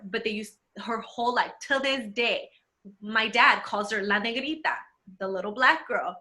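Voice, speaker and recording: A woman from El Salvador talking casually with a friend on a podcast, animated and laughing often. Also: a little high. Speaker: podcast co-host. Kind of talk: casual conversation.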